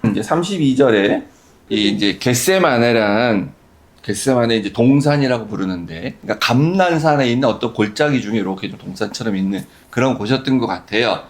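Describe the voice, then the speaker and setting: A man's voice: medium pitch, lively intonation, a little fast. A man preaching a sermon as pastor, conversational and full of rhetorical questions.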